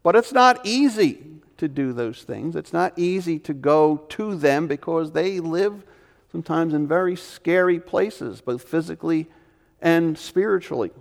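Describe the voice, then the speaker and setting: Gravelly preacher in a reverberant hall. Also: male voice, fairly high pitch, lively intonation, measured pace. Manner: emphatic preaching with sudden loud and hushed turns. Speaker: pastor. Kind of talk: sermon.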